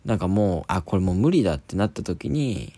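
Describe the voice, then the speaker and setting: A man's voice: deep voice, very animated, brisk, warm tone, slightly rough, no echo. A young man, a comedian hosting a solo talk podcast, chatting casually and rambling with many fillers.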